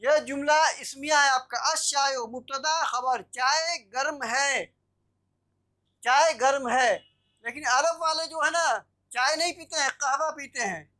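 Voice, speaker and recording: Over a video call, a woman teaches a live online Arabic grammar class, explaining step by step and checking in with "theek hai na" to make sure students follow. Her voice sits high and sounds bright and forceful, and she speaks a little slowly.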